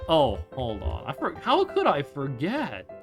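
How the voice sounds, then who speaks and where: A streamer chatting through a live game session, joking with the chat and swearing freely. The voice moves around a lot in pitch. Game music runs in the background. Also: huge pitch swings, a little slow, gravelly. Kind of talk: casual live gaming commentary.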